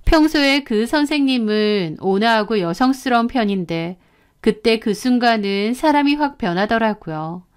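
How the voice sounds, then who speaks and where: Brief: woman storyteller, slightly high voice, calm and confiding first-person narration. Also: moderate pace, clean tone.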